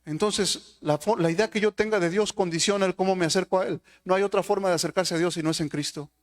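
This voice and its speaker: Male preacher, high voice, sermon delivery built on rhetorical questions to the congregation. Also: fairly even intonation, fast talker. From Mexico.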